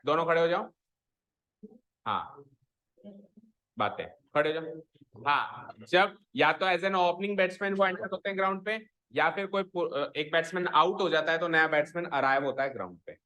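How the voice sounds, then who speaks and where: A man's voice: fairly high pitch, moderate pace, sharp tone. A man teaching a school maths class, mixing Hindi with English and drilling students on pronunciation. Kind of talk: classroom lecture.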